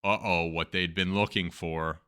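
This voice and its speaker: A man's voice: low-pitched, fairly even intonation, a little slow, pushed and bright, smooth. A man with a Turkish accent who hosts a show, reading news stories aloud and adding chatty, joking asides. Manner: reads text then adds chatty, joking asides. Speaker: host.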